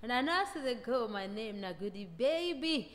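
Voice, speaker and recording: A woman's voice: a little high, animated, moderate pace, big-room sound. A woman with a Nigerian Pidgin accent telling comic stories and laughing at her own jokes. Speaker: comedian storyteller.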